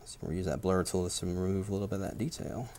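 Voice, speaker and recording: A man presenting a software tutorial, giving brisk step-by-step instructions. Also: sits low, fairly even intonation, a little hiss or hum.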